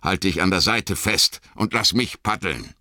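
A man voicing a gentle, earnest male hobbit master who speaks calmly and kindly. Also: deep voice, unhurried, dry recording, clean studio sound, heavily acted. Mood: reassuring. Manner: calm, kindly, urgent at times.

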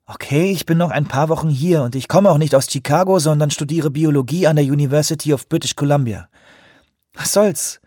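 A man's voice: a little high, fairly quick, mellow, no room sound, clean studio sound, voice pushed up, close to an everyday voice. A man voicing a stubborn, upset young woman who pleads and snaps back, in an audiobook reading. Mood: agitated. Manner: agitated, pleading and defiant.

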